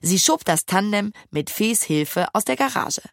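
A woman narrating a children's storybook in an expressive storytelling manner. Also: medium pitch, unhurried, gravelly, no echo, studio quality. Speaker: audiobook narrator.

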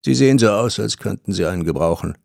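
A man voicing an older male agency director with a deep voice, calm and fatherly in his courteous, measured words. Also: creaky, no echo, studio quality. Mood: polite.

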